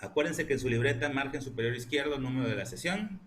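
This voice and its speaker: A man's voice: mid-range voice, fast, a bit bright, a little hiss or hum. A man teaching a literature class online, explaining step by step and asking his students rhetorical questions.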